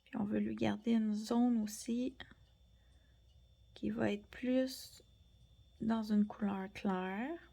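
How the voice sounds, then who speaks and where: A young woman with a Québécois French accent, gently explaining a colored pencil drawing tutorial and sometimes dropping to near-whispers. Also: medium pitch, fairly even intonation, slow pace, gravelly, pauses often. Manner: gentle, soft-spoken, drops into near-whispers while drawing. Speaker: art tutorial host.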